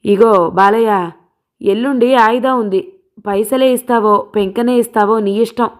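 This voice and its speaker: A woman voicing a mocking, swaggering male debt collector who talks in a slow, sneering way. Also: fairly high pitch, natural voice.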